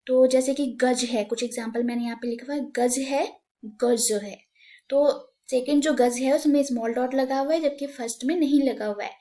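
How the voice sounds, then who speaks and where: A woman's voice: high-pitched, steady tone, fairly quick, hardly any pauses, warm tone. A woman teacher giving an online lesson to young children, explaining patiently and mixing English words into her speech.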